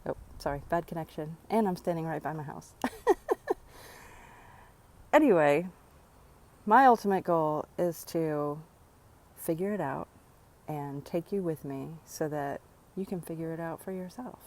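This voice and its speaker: Low-voiced earnest woman vlogging outdoors. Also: normal speed, a little mellow. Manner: earnest, reflective, sighs between thoughts. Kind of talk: motivational personal vlog. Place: outdoors near her home.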